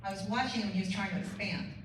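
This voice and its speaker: Woman, keynote speaker, lively storyteller; distant mic, very echoey hall. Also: medium pitch, fast, a little hiss or hum. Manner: energetic storytelling with quoted dialogue. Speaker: motivational speaker. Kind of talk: conference keynote speech. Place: large conference hall.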